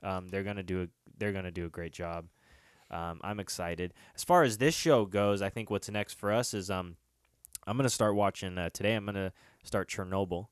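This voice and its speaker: Low-voiced guy rambling thru a show recap, smooth clear voice, dry close sound. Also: moderate pace, dry recording. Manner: rambling, lots of fillers and restarts. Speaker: podcast host. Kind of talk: casual TV recap chat.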